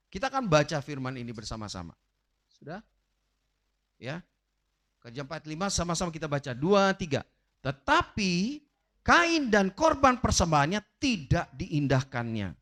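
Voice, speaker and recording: A man's voice: high-pitched, fairly bright tone. A man preaching a sermon with an emphatic, rising and falling delivery, often turning directly to his congregation. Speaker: pastor. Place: church livestream.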